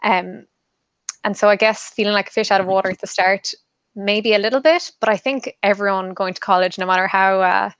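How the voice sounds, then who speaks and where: A woman's voice: medium pitch, steady tone, brisk, fairly bright tone, clear, resonant tone, no echo, dull audio. A young woman from Kerry with a west of Ireland accent, giving chatty, thoughtful answers as an interview guest. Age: young adult. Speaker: podcast guest, law firm associate.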